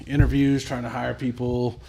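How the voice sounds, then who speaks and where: A man's voice: medium pitch, level tone, normal speed, vocal fry, warm tone. Middle-aged man telling crude jokey stories. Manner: crude, joking storyteller who acts out voices. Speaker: podcast co-host. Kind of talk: casual livestream chat.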